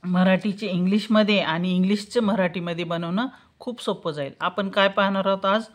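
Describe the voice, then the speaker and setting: Woman tutor, patient, slow, asks and answers her own questions, mid-pitched voice. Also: fairly even intonation. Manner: spells out letters syllable by syllable. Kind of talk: teaching lesson.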